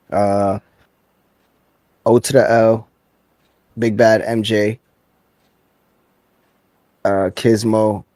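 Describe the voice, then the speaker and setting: A man's voice: fairly low pitch, no echo. A man from New City, chatting and joking on a live stream, close to the mic. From New York City. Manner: laid-back, joking, greets chat loudly. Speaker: streamer guest. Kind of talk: casual chat on a live stream.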